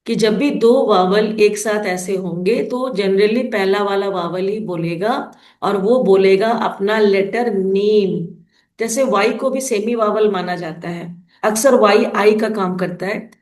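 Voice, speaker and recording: A woman's voice: medium pitch, slow, darkish tone, echoey room. A woman explaining phonics rules to teachers in an instructional lesson, sounding out letters one at a time.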